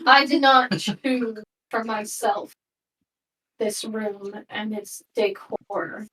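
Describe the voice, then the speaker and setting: A woman voicing a stern, usurping male cat-folk king who talks in a slow, cold, measured way in a tabletop game. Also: medium pitch, distant mic, noisy background.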